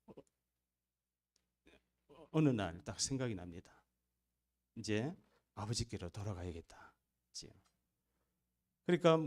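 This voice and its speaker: Low-voiced pastor guy preaching in church, gets loud and asks the crowd questions. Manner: emphatic preaching with rising bursts and rhetorical questions. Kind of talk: sermon. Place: church sanctuary.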